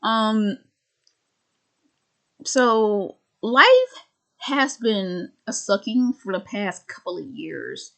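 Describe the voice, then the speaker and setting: A woman's voice: mid-range voice, drawn-out words, gravelly, pauses often, pushed and bright. A woman of twenty-five ranting casually to camera, rambling and sardonic, with many restarts and stammers. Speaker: vlogger.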